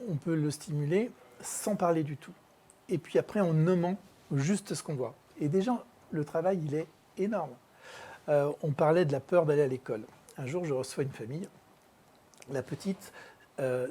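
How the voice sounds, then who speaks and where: A speaker with a husky, warm and mellow voice leads a workshop as an EFT practitioner. The talk is relaxed, with many pauses and fillers. The speaker tells a case and acts out the dialogue with a child in a mid-range voice. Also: mid-range voice.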